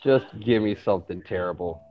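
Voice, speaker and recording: A deep-voiced man from Louisiana chats casually and briskly as a writer guest, sounding hesitant and self-effacing. The lo-fi audio is dull but has no echo.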